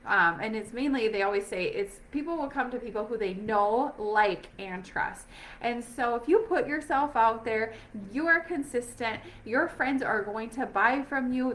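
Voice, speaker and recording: Working from home as a sales rep, a woman chats casually and upbeat in a recruiting conversation, using many fillers and restarts. Her voice sits on the high side with a fairly bright tone.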